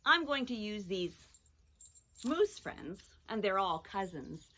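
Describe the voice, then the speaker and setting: A woman teacher giving a children's phonics lesson, speaking in slow, clear, sing-song instructions. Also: mid-range voice, sing-song, fairly bright tone.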